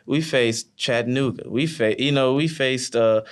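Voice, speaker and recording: A young man, a college wrestler and team captain, chatting casually in an interview with many "you know" fillers and lively storytelling. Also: medium pitch, unhurried, smooth. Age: young adult. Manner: relaxed, many fillers like "you know", animated when telling stories.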